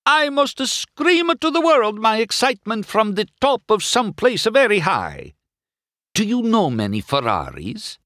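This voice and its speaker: Luigi, an excitable little car. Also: male voice, on the low side, a little slow, few pauses, dry recording, studio quality. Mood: thrilled. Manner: theatrical. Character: excitable, snobbish little male Italian car.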